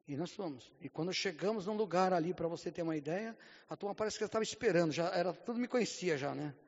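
A Brazilian man, a pastor, gives a sermon with a personal testimony. He tells it vividly and builds to fervent, near-shouted preaching, often repeating a stock phrase to the congregation. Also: high voice, quick pace, long reverb tail, muffled recording.

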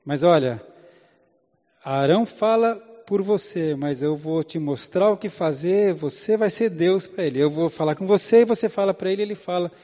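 A preacher acting out God as a firm, patient voice giving instructions and reassurance. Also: male voice, high-pitched, moderate pace, dark tone, close to an everyday voice. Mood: instructing. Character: God, commanding yet patient fatherly male voice. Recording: echoey hall, dull lo-fi sound.

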